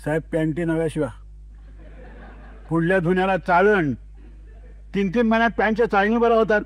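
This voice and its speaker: A man voicing a calm, cheeky middle-aged washerman who answers everything deadpan. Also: high-pitched, fairly quick, no echo, natural voice.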